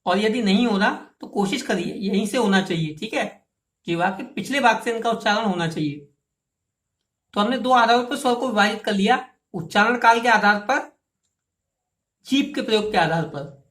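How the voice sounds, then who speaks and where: A woman's voice: medium pitch, moderate pace. Patient woman teaching in an echoey room. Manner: patient, explains step by step, repeats key terms and asks students to try sounds aloud. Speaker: Hindi grammar teacher. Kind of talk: classroom lesson.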